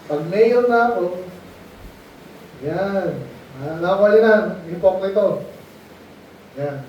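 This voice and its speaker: A man whose voice sits high preaches to children in Tagalog, animated yet slow, turning his Bible lesson sermon into a conversation by often asking them questions. It was captured in a mission meeting space on a distant mic, so it sounds muffled and echoey, with slight background noise.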